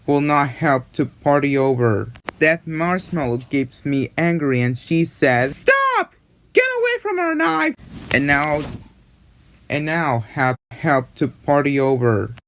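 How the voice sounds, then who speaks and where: Slow halting man retelling a cartoon. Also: on the high side, fairly even intonation, fairly bright tone. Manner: halting, repetitive, run-on retelling. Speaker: fan narrator retelling a cartoon. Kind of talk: rambling casual narration.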